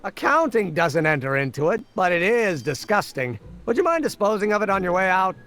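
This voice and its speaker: Voicing a video game character, a man plays an eager, earnest young amateur scientist who explains things precisely and with enthusiasm. His voice is high, a bit bright, very animated and fairly quick. The mood is chatty and enthusiastic.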